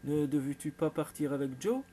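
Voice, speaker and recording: Un homme qui lit un roman et prête sa voix à une mère d'une cinquantaine d'années, tendre et attentionnée. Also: male voice, on the high side, normal speed, mellow, slight background noise, natural voice. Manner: tender, caring. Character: affectionate middle-aged mother.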